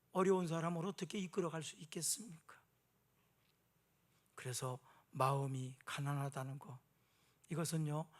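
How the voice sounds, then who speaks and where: A pastor preaches in a relaxed, conversational way and often turns to the congregation with questions. His voice sits high for a man. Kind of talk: sermon.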